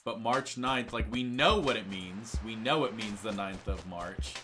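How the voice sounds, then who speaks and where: A man's voice: fairly low pitch, measured pace. A young man with a tongue piercing chats casually while streaming a game, rambling, self-deprecating and tripping over his words. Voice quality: talks around a tongue piercing. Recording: music playing behind the voice. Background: loud music.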